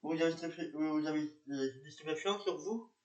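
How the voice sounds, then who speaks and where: A man with a fairly high voice narrates and plays a police officer in an amateur reenactment. He speaks hesitantly, repeating himself and using many fillers. The room around him sounds echoey. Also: normal speed, a little mellow, dull audio.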